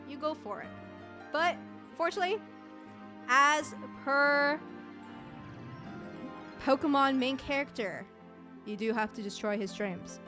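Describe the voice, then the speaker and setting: Chatty, animated woman streamer. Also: fairly high pitch. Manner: chatty, laughing often, animated. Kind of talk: casual stream awards commentary.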